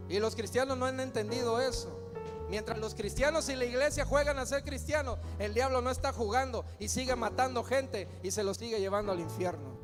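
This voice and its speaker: A man preaching a sermon as pastor, emphatic, firing rhetorical questions and calling the crowd to answer. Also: extremely high pitch. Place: large church hall. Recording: long hall reverb with faint music.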